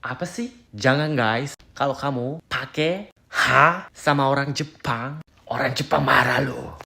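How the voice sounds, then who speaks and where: A woman's voice: rumbling low, fairly even intonation, a little slow, gravelly, pushed and bright. A woman teaching everyday phrases in short comedic clips, acting each one out with playful exaggeration. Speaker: content creator teaching Japanese phrases.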